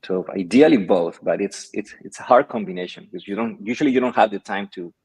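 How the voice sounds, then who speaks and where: Low-voiced man. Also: fast talker, a little mellow, breathy edge, poor audio. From Chile. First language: Spanish. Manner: thoughtful, hesitant with many fillers. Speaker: guest, company founder. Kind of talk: casual interview answers. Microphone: video call.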